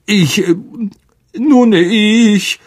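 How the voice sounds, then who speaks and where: A man's voice: high-pitched, very slow, darkish tone, pitched above the performer's own voice, exaggerated voice. A man voicing a vain, cowardly male teacher who stammers, in an audiobook reading. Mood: flustered. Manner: stammering, flustered. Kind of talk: audiobook character voice.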